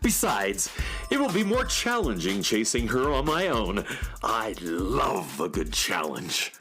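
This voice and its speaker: A man's voice: on the low side, huge pitch swings, slow, exaggerated voice. A man playing an eccentric, cheerful handyman inventor in a whimsical, theatrical children's radio comedy style. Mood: breezy. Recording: music behind the voice.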